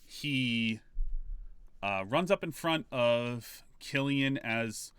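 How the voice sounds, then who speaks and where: Laid-back guy running a tabletop game, slow and halting, super dry close sound. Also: mid-range voice, fairly bright tone, clean tone, dry recording. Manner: laid-back, halting narration with frequent pauses. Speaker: game master. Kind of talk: narrating a tabletop role-playing game.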